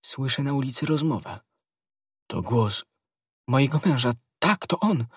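A man voicing an anxious, loyal young woman in a storybook, with a husky voice raised well above his own. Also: mid-range voice, normal speed, no room sound, studio quality, pitched above the performer's own voice, natural voice. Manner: pleading, fearful.

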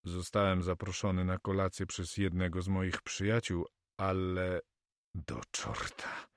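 A man voicing a proud, brooding pirate captain in an audiobook, speaking slowly and solemnly. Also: deep voice, little pitch movement, clear, resonant tone, no room sound, clean studio sound. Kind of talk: audiobook character reading.

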